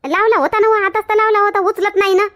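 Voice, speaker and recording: A woman's voice: very high-pitched, fairly even intonation, quick pace, fairly bright tone. A woman acting in a village comedy skit, talking in a scolding, chatty way. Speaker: comedy sketch actor.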